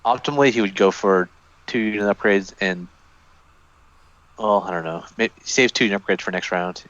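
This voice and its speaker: A man's voice: on the low side, moderate pace, a bit bright, dry recording, lo-fi sound. Man analyzing strategy, thinking aloud. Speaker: tournament commentator.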